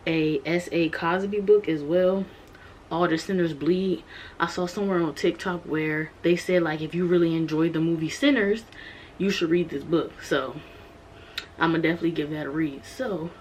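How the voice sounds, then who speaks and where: A young woman chats casually through a book review, her voice sitting a little low. She talks loosely, with plenty of "um" and "like" fillers. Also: darkish tone, a little hiss or hum. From Maryland, USA. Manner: chatty, many "um" and "like" fillers.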